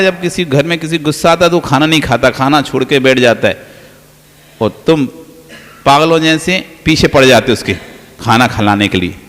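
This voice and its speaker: A man's voice: sits high, a bit bright. A man, a Jain monk, giving a sermon, telling everyday stories with playful quoted dialogue and the odd laugh. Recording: long reverb of a hall.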